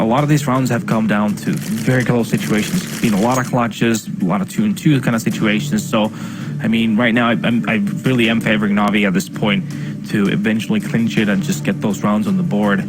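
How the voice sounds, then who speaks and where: Man, esports caster, analytical commentary, slightly low voice, loud game sound behind. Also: fairly even intonation, a little fast, loud music behind the voice.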